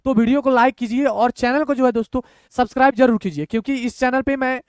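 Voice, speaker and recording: High-voiced man slowly spelling out Hindi syllables. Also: smooth, no room sound, clean studio sound. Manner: slow, patient, breaks words into syllables, repeats "thik hai". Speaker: Hindi reading teacher. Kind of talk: online lesson, syllable-by-syllable reading.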